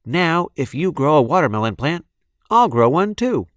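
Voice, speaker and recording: A man's voice: fairly high pitch, big pitch swings, normal speed, fairly bright tone, no room sound, studio quality, pitched above the performer's own voice. A man voicing an earnest, particular young male mouse from a children's storybook. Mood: reassuring. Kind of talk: children's storybook character reading.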